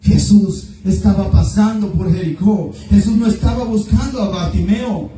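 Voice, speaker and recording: A man's voice: sits high, moderate pace, mellow. A man preaching a sermon with fervent, repetitive exhortation. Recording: echoey room, distant mic, faint music.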